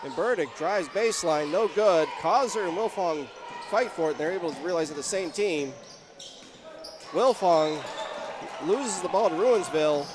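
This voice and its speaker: A young man calling live high school basketball play-by-play, rising to shouts on big plays. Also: expressive, normal speed, noisy background. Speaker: play-by-play commentator. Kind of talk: live sports commentary.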